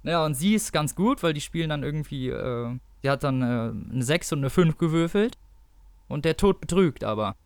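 A man's voice: a little high, animated, moderate pace, smooth, dry recording. A man, an author, casually retelling his story with many fillers, then reading an excerpt from it aloud. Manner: loose, filler-heavy retelling. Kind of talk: casual chat and read-aloud narration.

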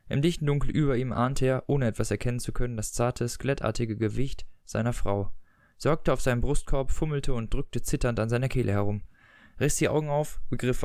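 A man's voice: mid-range voice, darkish tone, no room sound, studio quality. A man chatting casually about a story collection, with loose restarts, then reading an excerpt aloud. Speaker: book reviewer.

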